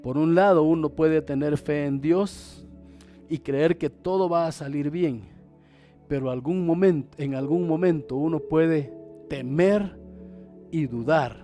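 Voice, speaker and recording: High-voiced male pastor preaching dramatically. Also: unhurried, soft background music. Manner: dramatic, acts out quoted voices, swings loud and soft. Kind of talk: sermon.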